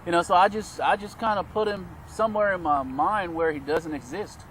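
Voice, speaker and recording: A man's voice: high-pitched, steady tone, fairly quick. A man from Liberia, talking earnestly and reflectively in an interview. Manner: earnest, reflective, many fillers. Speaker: actor interviewed about a film. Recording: echoey, distant, loud noise and traffic. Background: loud ambience and vehicles.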